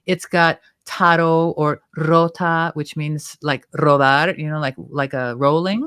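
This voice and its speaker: A woman's voice: low-pitched, fairly even intonation, slow pace, fairly bright tone, smooth, no room sound, studio quality. A woman hosting a tarot talk show, chattily explaining the cards and their symbols at length. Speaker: tarot reader and show host.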